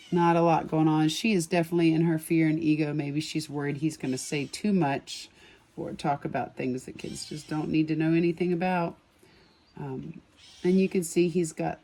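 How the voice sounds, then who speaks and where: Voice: medium pitch, darkish tone. Vlogger musing over a drawing outdoors in the evening, unscripted, rambling with frequent ums and small chuckles. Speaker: sketch artist and empathic reader. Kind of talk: casual commentary on a drawing.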